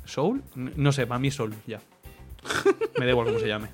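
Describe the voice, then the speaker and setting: A man from co-hosting a podcast, cracking deadpan jokes in a casual film chat. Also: medium pitch, fairly quick, music in the background. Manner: wisecracking, deadpan jokes, playful. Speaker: podcast co-host.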